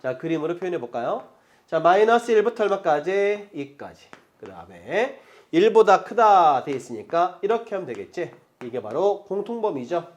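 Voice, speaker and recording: A middle-aged man lecturing on math, his voice sitting somewhat high and swinging up and down with energy. He explains step by step and keeps punctuating points with quick check-in questions to his students. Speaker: math teacher.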